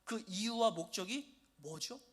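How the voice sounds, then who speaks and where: Male pastor, very high bright voice, sermon full of rhetorical questions. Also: expressive, a little slow. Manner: asks the congregation many rhetorical questions. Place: church.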